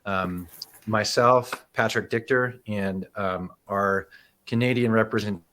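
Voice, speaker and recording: A man's voice: fairly low pitch, steady tone, measured pace, a bit bright. A man in his thirties giving a conversational educational presentation on business, often checking in with the audience with "right?" and loose fillers. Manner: casual, frequent "right?" and "um" asides. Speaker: presenter and accounting firm owner.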